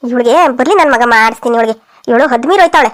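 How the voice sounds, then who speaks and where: A woman's voice: on the high side, racing. A woman voicing several quarrelsome village women in a cartoon comedy, scolding and wailing dramatically.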